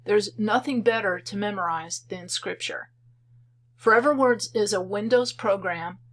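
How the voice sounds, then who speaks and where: Woman presenter for a software walkthrough, mid-pitched voice, calm and methodical, explains each step plainly. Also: measured pace. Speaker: software creator demonstrating her program. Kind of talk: screen-recorded software tutorial.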